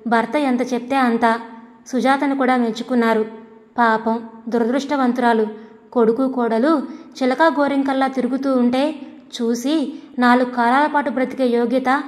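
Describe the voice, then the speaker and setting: A woman storyteller narrating a scripted audio story in a steady, measured way. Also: fairly high pitch, in a large hall.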